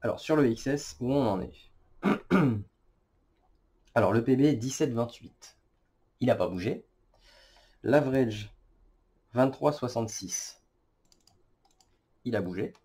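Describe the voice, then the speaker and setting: A man's voice: mid-range voice, slow pace, pauses often, dark tone, husky. A man giving casual, hesitant commentary on his own statistics, with many fillers and self-corrections. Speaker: cubing vlogger. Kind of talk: casual screen-recorded commentary.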